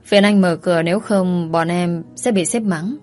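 A woman's voice: on the low side, moderate pace, darkish tone, faint music behind, close to an everyday voice. A woman reading a story, voicing a timid young hotel worker who speaks politely and hesitantly. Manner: hesitant, deferential.

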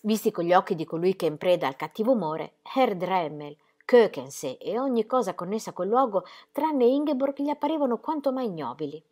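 A woman's voice: lowish voice, animated, brisk, few pauses, a little mellow. Woman reading a novel expressively. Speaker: audiobook reader. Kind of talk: audiobook narration of a novel.

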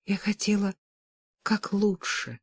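A woman's voice: medium pitch, animated, slow, breathy edge, no room sound, clean studio sound. A woman reading the lines of a timid, anxious middle-aged mother who speaks apologetically and falters. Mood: faltering, anxious.

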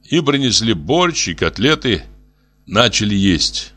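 A man reading a literary story aloud, telling it in an expressive, acted way. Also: on the low side, a little slow. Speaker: narrator.

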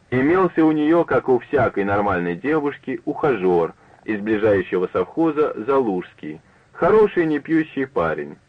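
A man reads a story aloud for radio in a low, measured voice. His delivery is unhurried and even. The sound is thin and phone-like, with a dry, close feel. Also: no echo. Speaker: narrator. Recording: narrow phone-like dry broadcast.

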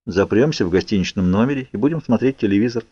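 Man voicing a calm, confident young woman. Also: on the low side, fast talker, breathy edge, no room sound. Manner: calm, teasing. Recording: dull lo-fi audiobook recording.

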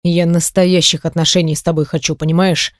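A woman's voice: fairly low pitch, level tone, brisk, no room sound, voice pushed down, natural voice. Woman reading moody possessive young man, earnest pleading tone, dry close sound. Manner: earnest, insistent.

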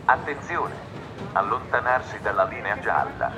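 A man giving formal, clipped train station announcements over a station loudspeaker. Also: fairly low pitch, sing-song, unhurried, rough recording. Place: outdoor railway platform. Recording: loudspeaker with clear background noise.

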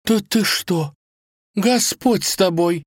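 A man's voice: high-pitched, slow, dry recording, clean studio sound, voice pushed up. A man voicing a fussy, kindly older female palace cook who laments in a singsong way. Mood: protesting.

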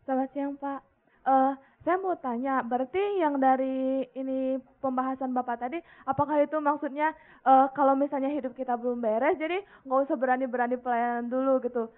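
A young adult woman with a high voice asks the preacher a question from the audience. She speaks politely and hesitantly. The audio is thin and tinny, like a phone line. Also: steady tone, a little fast. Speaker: audience member asking a question.

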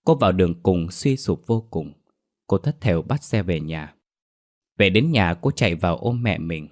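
A man narrating a horror story in a steady storytelling manner. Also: sits low, moderate pace.

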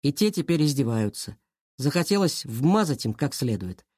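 A reader narrating a children's school detective story in an even, lightly dramatic way. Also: mid-range voice, normal speed, no room sound, clean studio sound. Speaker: audiobook reader.

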